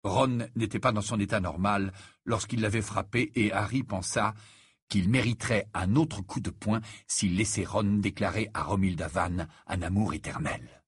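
A man reading a novel aloud as audiobook narrator, measured and expressive. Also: on the low side, slightly rough, dry recording, clean studio sound. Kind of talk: scripted narration.

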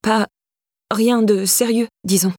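A woman's voice: mid-range voice, steady tone, takes it slowly, a little mellow, no room sound, clean studio sound, pitched above the performer's own voice. A woman voicing an anxious young woman questioned by the police, talking in a pleading, rising, panicky way. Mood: defensive.

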